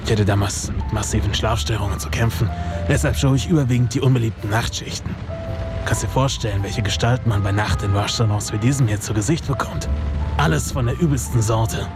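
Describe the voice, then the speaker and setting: A man's voice: lowish voice, a little fast, over music, lightly acted. A man playing a self-important, theatrical private detective in a noir-style audio drama. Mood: solemn, pompous.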